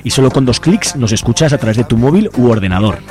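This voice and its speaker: On live community radio, a male co-host with a Spanish-from-Spain accent chats informally, his medium-pitched voice expressive, quick, and a little mellow. Music plays behind him in the studio during the broadcast.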